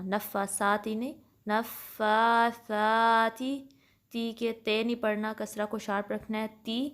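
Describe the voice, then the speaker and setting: Patient woman teaching Quran recitation. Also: medium pitch. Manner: patient, explains each sound step by step, checks in often; slows and recites Arabic examples louder. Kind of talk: tajweed lesson mixing Urdu and English.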